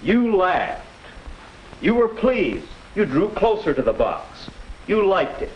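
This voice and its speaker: An actor playing a patient, middle-aged male teacher, explaining calmly in a 1950s educational film. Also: high-pitched, exaggerated voice. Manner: calm, measured explaining. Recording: muffled old film soundtrack with hiss.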